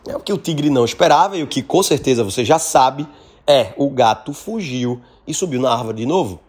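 A man with a Brazilian Portuguese accent giving a casual lesson on storytelling. He talks in an animated, slangy way and keeps checking in with short tag questions. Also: mid-range voice, fairly quick, husky. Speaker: speaking trainer.

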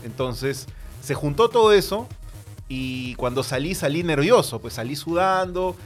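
A man's voice: on the high side, expressive, unhurried, faint music behind. A man with a Peruvian accent, a comedy podcast co-host telling a long, rambling, self-mocking story in casual chat. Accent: Peruvian Spanish.

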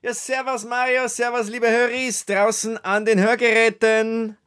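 Man voicing a cheery studio technician, raised pitch, unhurried and mock-dignified. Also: level tone, fairly bright tone, clear, resonant tone. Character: chipper Viennese male sound engineer.

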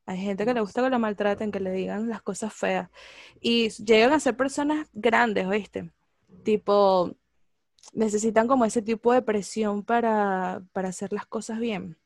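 A woman in casual chat, lively and slangy, laughing often and acting out quotes. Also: medium pitch, takes it slowly, pauses often, no room sound, clean studio sound.

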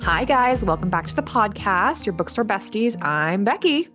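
A woman's voice: mid-range voice, expressive, normal speed, over music. A woman co-hosting a casual book podcast over a video call, chatty and always backchanneling with mm-hmms. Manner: chatty, constant mm-hmm backchannels. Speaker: podcast co-host. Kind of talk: casual chat. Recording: dull lo-fi call audio.

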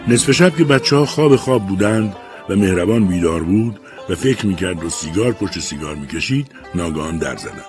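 A man narrating an audiobook story in a measured, calm storytelling manner. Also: deep voice, music in the background. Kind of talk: scripted narration.

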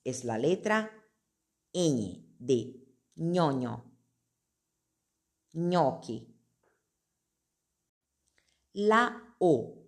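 A woman gives a pronunciation lesson, naming each letter and then sounding out example words one by one. She speaks very slowly, with long pauses between words. Her voice sits a little low. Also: big pitch swings. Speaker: Spanish teacher. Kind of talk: slow, deliberate pronunciation lesson.

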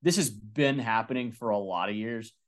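A man's voice: lowish voice, moderate pace. A young man co-hosting a college football podcast, talking casually with lots of fillers and restarts. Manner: animated, many fillers and restarts. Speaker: podcast co-host. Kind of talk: casual sports talk.

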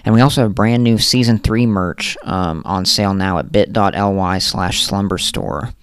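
A man's voice: low-pitched, moderate pace, clear, resonant tone. A man co-hosting a podcast, talking loosely with lots of fillers and swearing, reading out a sponsor plug and a story. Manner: loose, filler-heavy and profane. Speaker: podcast co-host.

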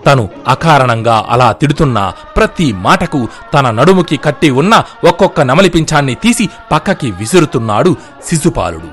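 A male storyteller reads an epic tale with animated, swinging intonation, dramatic and expressive. Gentle music plays faintly under his voice. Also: mid-range voice. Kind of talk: scripted epic narration.

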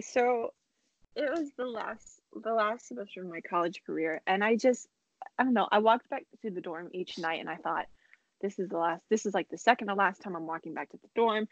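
A young woman in her twenties co-hosts a casual podcast, chatting freely and acting out the things she once said. Her voice sits at a middling pitch. The sound is dry and dull, like lo-fi internet call audio. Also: fairly quick, no room sound. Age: 20s. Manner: animated storyteller who acts out her own past remarks. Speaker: co-host.

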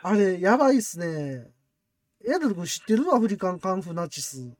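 Lively, laughing Kansai-accented man. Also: sits high, fairly quick, dry recording. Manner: chatty, laughs often, excitable storytelling. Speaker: podcast host. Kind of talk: casual chat.

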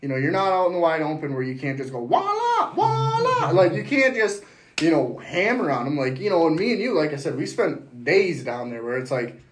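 Animated, jokey man in an echoey room. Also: a little high, slight background noise. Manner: animated, jokey, quick to agree. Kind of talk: casual podcast chat.

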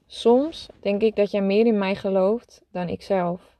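A woman's voice: medium pitch, fairly even intonation, a little slow, mellow, no echo, lightly acted. A woman voicing a curious young boy.

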